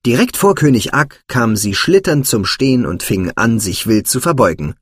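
Husky male storybook narrator. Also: medium pitch, big pitch swings, moderate pace, dry recording, clean studio sound.

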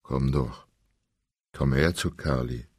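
A man voicing a menacing male captor who speaks low and pressed in a coaxing singsong. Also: slow, darkish tone, slightly rough, no room sound, studio quality, heavily acted. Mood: coaxing, sinister.

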